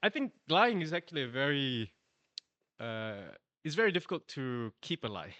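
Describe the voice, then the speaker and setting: Man from Malaysia, startup founder, relaxed and laughing, bright tone, dry recording. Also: medium pitch, moderate pace, no room sound. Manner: relaxed, laughs often, many "you know" tags. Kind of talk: casual interview chat.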